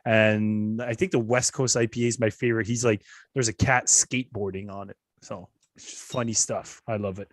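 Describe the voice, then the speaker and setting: A man hosting a live podcast in relaxed casual chat, reading out the chat and steering the roundtable. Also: lowish voice, moderate pace, dry recording, studio quality. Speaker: podcast host.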